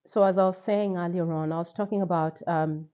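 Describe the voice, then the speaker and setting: A Kenyan woman in her forties sharing a personal faith testimony, reflective and measured, with frequent pauses and repeated words. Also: on the low side, fairly even intonation, lo-fi sound. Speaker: testimony speaker.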